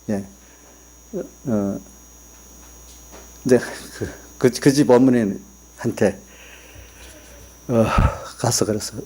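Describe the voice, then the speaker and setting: A man's voice: medium pitch, warm tone. A man preaching a sermon in a church, asking the congregation questions and telling personal family stories in an easygoing, conversational way. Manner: tells personal stories, quoting family members. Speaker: pastor. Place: church sanctuary.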